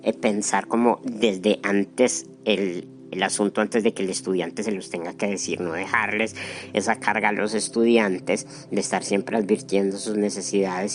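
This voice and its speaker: A man with a Colombian accent, a professor answering interview questions informally. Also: low voice. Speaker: law professor, interview participant.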